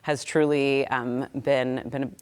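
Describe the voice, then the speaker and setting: A woman who organizes events for an arts center, speaking in a measured, appreciative way with some fillers. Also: a bass voice, level tone, clean tone. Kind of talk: TV interview guest.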